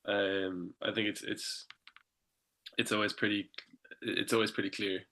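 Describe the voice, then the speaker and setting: Casting: male band member, lowish bright voice, hesitant, conversational. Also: level tone, a little slow. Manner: hesitant, searching for words. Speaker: band member being interviewed. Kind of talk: casual interview chat.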